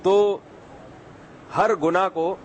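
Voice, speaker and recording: A man giving a conversational religious talk in a calm, chatty way, with asides to his audience. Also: high-pitched. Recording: echoey hall, faint background hum.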